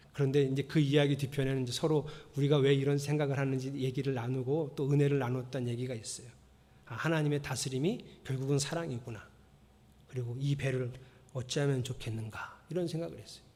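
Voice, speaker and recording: A man preaching a sermon in a fairly high voice, telling stories with animated swings from loud exclamations to hushed asides. The sound carries a long echo from the church hall. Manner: lively storytelling, acting out quotes and prayers, swings between loud and hushed. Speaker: pastor. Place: church sanctuary.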